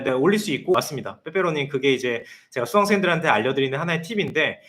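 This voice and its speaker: A man in his thirties speaks quickly in a fairly high voice. He is a consultant answering viewer questions on a live stream. He explains things point by point. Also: fairly bright tone. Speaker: guest consultant.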